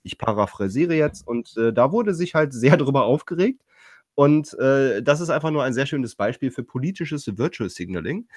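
A man's voice: mid-range voice, a little mellow, dry recording, studio quality. A man hosting a casual panel podcast, reading out news items and commenting with many hesitations. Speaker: podcast host.

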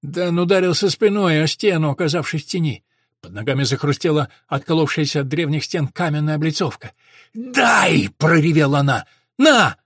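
A man reading a dark story aloud as a narrator, in a tense, dramatic way. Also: a little high, dry recording, clean studio sound. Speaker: audiobook narrator. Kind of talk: scripted narration.

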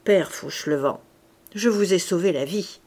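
A woman reading aloud, voicing a serious middle-aged man in a lower, measured tone. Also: darkish tone, lightly acted. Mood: grave.

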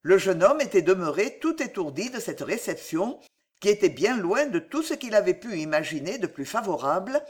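A narrator reading a historical adventure novel aloud in a measured storytelling manner. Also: medium pitch, husky. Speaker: audiobook narrator. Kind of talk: literary audiobook narration.

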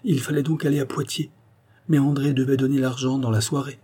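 A man's voice: medium pitch, level tone, brisk, mellow, slightly rough, pitched above the performer's own voice, natural voice. A man reading a novel aloud, voicing a distressed young woman who pleads earnestly for her brother. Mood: anxious pleading.

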